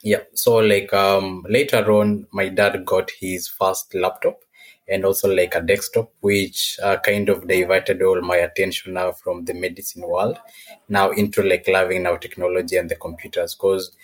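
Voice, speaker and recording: Very deep, even-toned Kenyan man. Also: normal speed. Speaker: podcast guest, technology professional. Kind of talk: casual interview answers.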